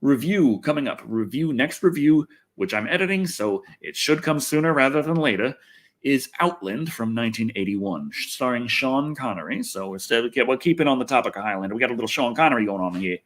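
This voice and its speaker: Fairly quick and a bit bright, his mid-range voice moves with lively intonation as this Texas-born American host answers viewers on a rambling, casual livestream. The video reviewer swears a lot, thinks aloud and is self-mocking.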